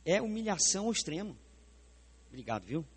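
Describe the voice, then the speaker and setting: Husky, animated Brazilian pastor. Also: male voice, a little high, fairly quick. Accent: Brazilian Portuguese. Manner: animated, questions the congregation directly. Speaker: pastor preaching. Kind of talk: sermon with live demonstration. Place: church sanctuary.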